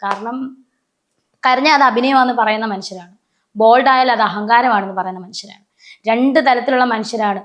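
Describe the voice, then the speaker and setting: Speaking a little high and briskly, a woman shares stories during an emotional personal interview. Her storytelling is animated as she imitates the people she quotes, and she frequently restarts and corrects herself.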